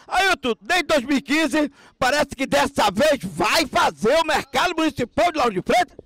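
A man, reporting loudly outdoors at a market site on a handheld mic, excitable and shouting. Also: very high-pitched, moderate pace, no room sound. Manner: excitable, shouting, preacher-like exclamations. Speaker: street reporter and host. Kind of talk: loud street reporting.

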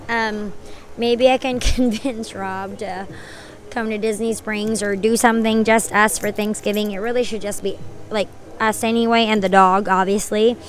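A young woman with a slightly high voice, chatting casually to her live-stream viewers. She is worn out and losing her voice, and she rambles from one topic to the next as she thanks people by name. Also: fairly bright tone.

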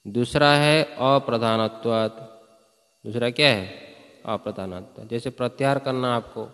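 Man teaching a grammar class, talks slow, chants lines and keeps asking questions, echo hanging in the hall. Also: mid-range voice, a bit bright. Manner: slow, chants verses, quizzes students with questions. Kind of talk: classroom lecture.

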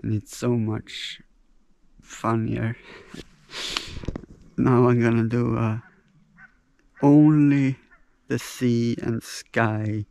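Slow, gravelly Swede narrating a camping vlog. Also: male voice, mid-range voice, level tone, dark tone. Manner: halting, searching for words in English. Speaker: bike touring vlogger. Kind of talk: casual solo vlog narration. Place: outdoors and inside a small tent in a forest. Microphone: action camera held close.

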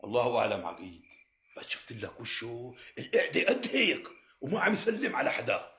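A man's voice: medium pitch, wildly swooping pitch, fairly quick, pushed and bright, full character voice. An actor playing a deferential middle-aged henchman in a Syrian period drama, explaining earnestly with a Damascene accent. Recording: muffled, echoey room.

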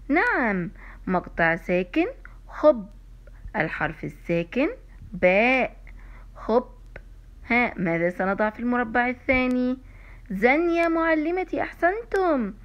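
A woman teaching kindergarten children in an online lesson, encouraging and asking questions, answering them herself and drawing out syllables slowly. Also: fairly high pitch, muffled recording. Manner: slow, drawn-out syllables when sounding out words. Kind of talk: e-learning lesson for young children.

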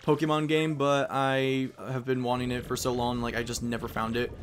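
A man's voice: medium pitch, flat delivery, normal speed, a little hiss or hum. A young man giving casual, rambling commentary while playing a video game. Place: voice-over recorded over game audio. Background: faint game music.

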